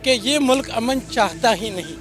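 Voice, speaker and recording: Guy with a really high voice arguing his political point, emphatic and rhetorical. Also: animated, normal speed, loud music behind the voice. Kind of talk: political talk.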